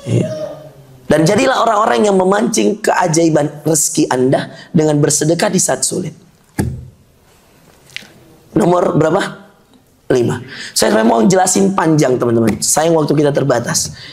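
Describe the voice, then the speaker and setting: A man's voice: a little high, a little mellow. A male preacher giving a sermon to a live audience, joking with the listeners, teasing them and quizzing them with questions.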